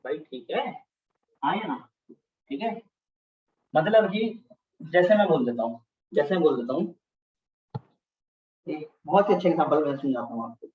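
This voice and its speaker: A man's voice: a little high, expressive, moderate pace, pauses often. A man teaching a class, repeating key terms and often checking that students follow. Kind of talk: classroom lecture. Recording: distant, echoey, dull-sounding classroom recording.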